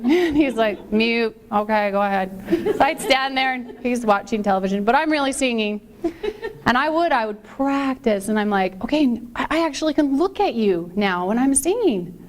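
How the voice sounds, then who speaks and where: Chatty woman telling a personal story. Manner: chatty, acts out quoted dialogue with lively pitch jumps. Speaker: conference speaker.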